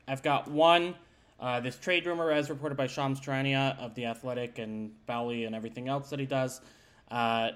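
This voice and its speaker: A man's voice: mid-range voice, a bit bright. A man hosting a sports podcast in a casual, conversational way with rambling asides. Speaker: podcast host.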